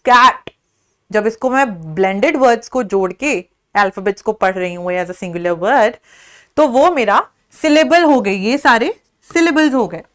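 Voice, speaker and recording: High-voiced Indian woman teaching slowly. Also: expressive. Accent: Indian English. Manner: explains step by step, mixing English and Hindi; slows right down to read out questions. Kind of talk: exam prep lesson.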